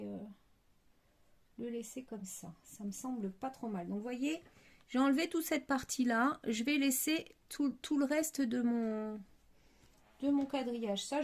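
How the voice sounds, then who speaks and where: A woman's voice: fairly high pitch, a little mellow. A woman hosting a card-making tutorial, thinking aloud with many hesitations. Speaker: crafting tutorial host.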